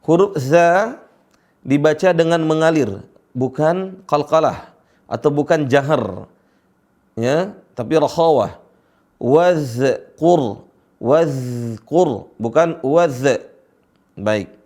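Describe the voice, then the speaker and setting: A man's voice: a little high, animated, slow pace, pauses often, darkish tone. A man teaching Quran recitation, patiently drilling each letter sound for his students.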